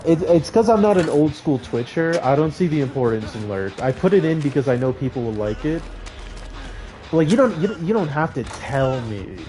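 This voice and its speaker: A young man streaming a game, joking with his chat and laughing between calls to his teammates. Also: medium pitch. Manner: joking, talks to chat while playing, laughs often. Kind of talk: casual gaming stream chat.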